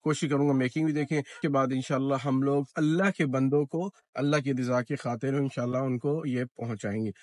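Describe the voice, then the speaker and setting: A man's voice: medium pitch, steady tone, few pauses, darkish tone, no echo. A man in his thirties vlogging casually from his car and his cafeteria, filling his talk with religious phrases. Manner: devout, peppers speech with religious phrases. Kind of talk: casual vlog narration. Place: car and restaurant kitchen, Gulf city.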